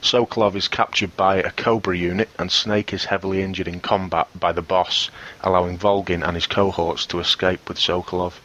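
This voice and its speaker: A man hosting a gaming podcast, reading a plot summary aloud at a steady pace. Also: sits low, fairly quick, highs cut off. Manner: reads a plot summary steadily, chats in short replies. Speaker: podcast host.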